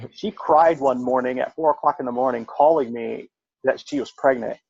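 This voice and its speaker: A man's voice: medium pitch, moderate pace, darkish tone, husky. Rambling middle-aged man, dull lo-fi sound. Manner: rambling storytelling, rising sharply when quoting himself. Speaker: podcast co-host, veteran. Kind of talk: casual chat.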